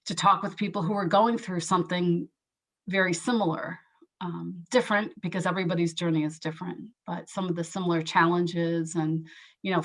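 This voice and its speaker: A woman as an interview guest, giving a candid, earnest personal account and pausing often with soft hesitations. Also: on the low side. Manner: earnest, reflective, pauses with soft "um"s.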